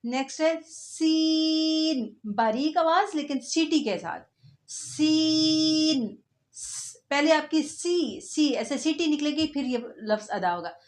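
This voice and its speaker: A woman teaches the sounds of Arabic letters at a slow, careful pace. Her voice sits high, and she pauses to explain before stretching out each letter in recitation. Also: animated. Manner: patient, explanatory. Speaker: Quran reading teacher. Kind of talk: slow step-by-step recitation lesson.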